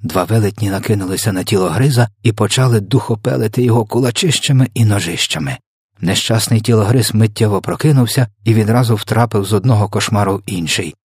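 Husky low-voiced male storyteller. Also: fast, no room sound, studio quality. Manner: expressive, dramatic reading. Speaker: audiobook reader. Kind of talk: scripted storybook narration.

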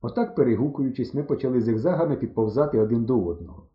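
A man reading an audiobook aloud, narrating in the first person with dramatic, expressive delivery. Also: medium pitch, quick pace. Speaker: audiobook reader. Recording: roomy, dull recording.

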